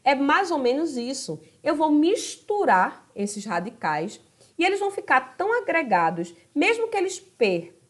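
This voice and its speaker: A woman with a Brazilian Portuguese accent teaching a video grammar lesson. Her fairly high voice swoops up and down with a lot of life, and she keeps talking straight to her students and checking that they follow. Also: big pitch swings, measured pace. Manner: chatty, addresses students directly with tag questions.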